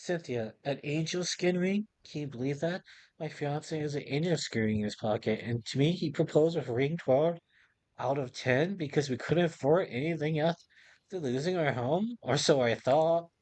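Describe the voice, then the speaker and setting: A man's voice: a little high, normal speed, a little mellow, lightly acted. A man reading aloud a woman in a game who scolds her fiancé over a hidden ring, in a voice close to his own. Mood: indignant. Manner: reads the game dialogue aloud with mild scolding emphasis.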